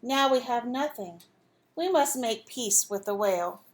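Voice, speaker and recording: A woman's voice: on the high side, lively intonation, unhurried. A woman voicing an earnest male fish in a storybook, a pleading peacemaker. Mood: resolute.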